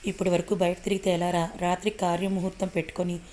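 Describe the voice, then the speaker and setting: A woman's voice: flat delivery, fast, a little mellow, a little hiss or hum, natural voice. A woman voicing a scolding old grandmother. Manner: scolding, shrill.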